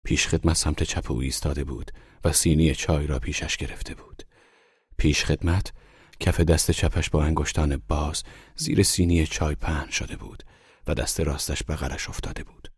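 A man reading a literary story aloud in a hushed, unhurried storytelling manner. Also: very deep voice, steady tone, husky, no echo, studio quality. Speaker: audiobook narrator. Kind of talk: scripted literary narration.

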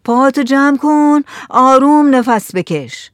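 A woman voicing a calm village man who reassures the others. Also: sits high, no echo, studio quality, voice pushed up. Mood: reassuring. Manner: soothing, reassuring.

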